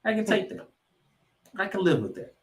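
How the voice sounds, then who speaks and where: Hosting a sports podcast, a man delivers emphatic football commentary full of dramatic pauses and repeated phrases. His voice sits high, sounds creaky, and is very animated.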